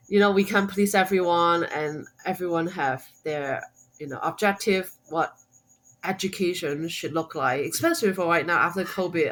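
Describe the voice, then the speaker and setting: A woman's voice: on the low side, fairly bright tone, rough recording. Hong Kong woman, hesitant non-native English. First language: Cantonese. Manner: non-native English with many fillers, restarts and laughs. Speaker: guest, homeschooling mom and blogger. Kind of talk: podcast interview.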